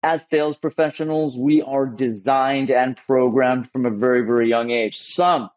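A man's voice: medium pitch, fairly even intonation, darkish tone, low-quality recording. A male podcast host in casual interview chat, who stumbles and repeats words as he gets going. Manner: halting, repeats words as he starts.

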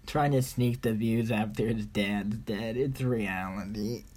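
A man's voice: fairly low pitch, steady tone, unhurried, darkish tone, breathy edge. A man vlogging in a rambling, boastful, profane monologue with broken grammar. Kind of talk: rambling casual monologue to camera.

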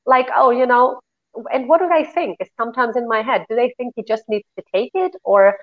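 Lebhafte Frau, etwas dumpfer Klang. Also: female voice, a little fast. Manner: animated, acts out quoted voices with sharp pitch jumps. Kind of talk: casual discussion. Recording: dull lo-fi sound.

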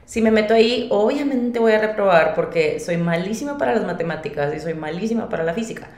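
A woman's voice: mid-range voice, expressive, fast talker, darkish tone. A woman with a northern Mexican accent from Monterrey tells her own story in a casual interview, chatty and often interrupting herself to quote her own thoughts. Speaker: podcast guest, independent singer and artist. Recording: roomy, echoey sound.

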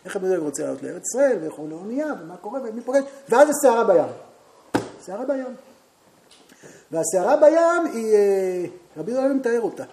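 Teaching Talmud, this high-voiced man narrates a story and turns to his students with questions, occasionally erupting into loud, lively outbursts. A faint hiss or hum runs underneath.

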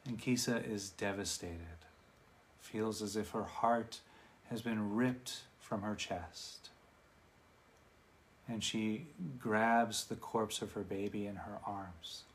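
A man giving a dharma talk, retelling a parable in a conversational way with relaxed asides to his listeners. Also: on the low side, slow.

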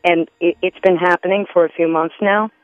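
A man's voice: high-pitched, fairly even intonation, fairly quick, faint music behind, lightly acted. A man playing a fed-up older wife on her fourth marriage, complaining indignantly and rambling on a radio call. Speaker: caller. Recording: dull phone line.

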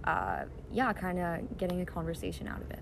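A young woman with a lower, gravelly voice answers questions earnestly, leaning on fillers as she thinks. She is recorded on a phone outdoors in a backyard. Clear hiss runs under her voice. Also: wildly swooping pitch, fairly quick. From Israel, raised in the US. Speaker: interviewee. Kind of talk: casual interview answers.

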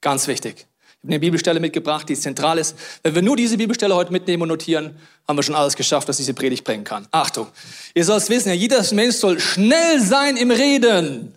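Brief: middle-aged male preacher, high-pitched, animated sermon delivery swinging from hushed to loud. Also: quick pace. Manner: animated storytelling with sudden loud outbursts and hushed asides.

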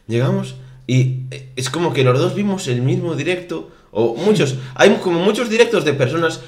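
A young Spanish man co-hosts a podcast in a slightly high, animated voice at a moderate pace. He chats casually, rambles, restarts often and keeps saying "tío," with a roomy echo around him.

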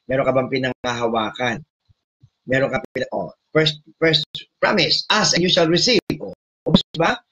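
Loud Filipino preacher, husky lo-fi sound. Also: male voice, mid-range voice, steady tone, normal speed. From Philippines. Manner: switches between Tagalog and English, asks the audience questions; loud, emphatic delivery. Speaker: preacher leading online prayer. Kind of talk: sermon and prayer.

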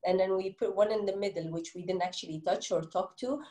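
This guest is a children's book author, a middle-aged woman from Egypt who speaks English with an Egyptian accent. Her medium-pitched, mellow voice moves fairly quickly as she earnestly answers interview questions, leaning often on "you know." An echo from the room is audible.

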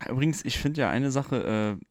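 A man's voice: mid-range voice, moderate pace, no room sound, clean studio sound. A man co-hosting a casual podcast chat, teasing his partner with crude jokes. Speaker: podcast co-host.

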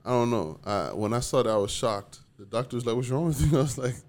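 A man's voice: mid-range voice, lively intonation, quick pace. A man co-hosting a podcast, telling stories in a loose, casual way and laughing often. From South Florida. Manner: laid-back storyteller, laughs often. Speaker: podcast co-host. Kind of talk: casual chat.

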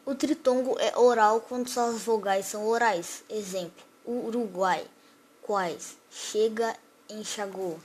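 A woman at a middle pitch reads out a grammar lesson, pausing after each example word as she works through her lists. A faint hiss sits under her voice. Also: darkish tone. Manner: reads definitions and word lists slowly, one example at a time. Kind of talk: read-aloud grammar lesson.

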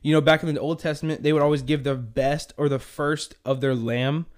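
A man's voice: fairly high pitch, little pitch movement, brisk. A young man hosting a casual faith chat, rambling and saying "dude" a lot. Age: young adult. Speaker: podcast host.

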